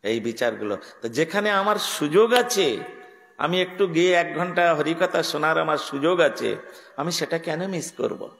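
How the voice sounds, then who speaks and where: A man's voice: on the high side, expressive, moderate pace, vocal fry, fairly bright tone. Man preaching in an echoey hall. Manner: conversational, asks listeners questions. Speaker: monk preacher. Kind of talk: sermon. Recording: echoey hall with long reverb.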